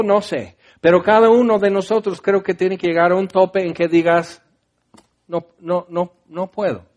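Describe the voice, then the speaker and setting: A man's voice: high-pitched, darkish tone. A middle-aged man with a Mexican accent preaching a heartfelt personal testimony in a conversational way, often restarting his sentences. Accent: Mexican Spanish. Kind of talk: testimony sermon.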